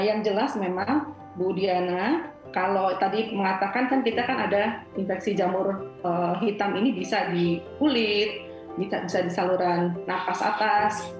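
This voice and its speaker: A woman's voice: medium pitch, echoey room, lo-fi sound. A woman, a doctor giving reassuring, conversational medical explanations as a guest.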